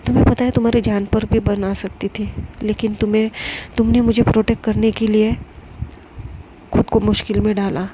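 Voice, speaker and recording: A woman's voice: medium pitch, flat delivery, normal speed, lightly acted. A woman voicing tender, insistent Mishka. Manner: earnest, pleading, gently insistent. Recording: noisy recording with clicks.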